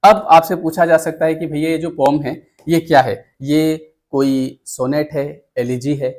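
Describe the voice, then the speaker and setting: A man's voice: on the high side, fairly even intonation, unhurried, a little mellow. Man, Indian accent, teacher, exam-prep lecture, patient, repeats points. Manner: mixes English terms into Hindi talk.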